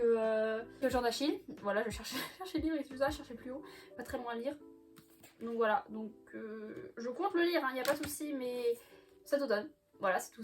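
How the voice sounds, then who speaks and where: A young woman with a fairly high voice chats casually about her books, laughing often and tossing in little hesitations. Soft music plays quietly behind her. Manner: chatty, laughs often, many fillers. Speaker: book vlogger. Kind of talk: casual chat. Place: bedroom floor by a bookcase.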